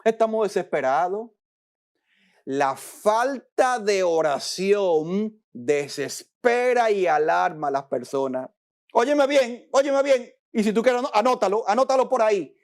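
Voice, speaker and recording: Man, preacher, sermon, emphatic repetition, soft hushed reassurance, slow delivery. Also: very animated. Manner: acts out worried people's complaints, then soothes in a low hush; emphatic, repeats phrases.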